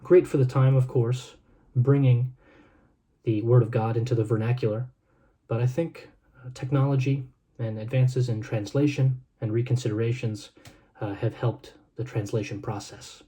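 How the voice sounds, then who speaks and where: A man hosting his own video, reading scripture and reflecting on it in an earnest, sermon-like monologue with a solemn, measured, heartfelt delivery. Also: medium pitch, fairly even intonation, mellow. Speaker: food review video host.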